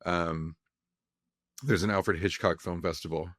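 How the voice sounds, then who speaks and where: Deep-voiced man in a rambling interview. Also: fairly even intonation, measured pace, fairly bright tone, no room sound, clean studio sound. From California. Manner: rambling, frequent restarts and fillers. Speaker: film director guest. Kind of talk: casual interview conversation.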